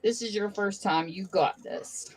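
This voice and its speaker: A middle-aged woman hosting a casual chat, telling animated family stories. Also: medium pitch, a little slow, slightly rough, soft background music, low-quality recording. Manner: chatty, animated storytelling. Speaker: host.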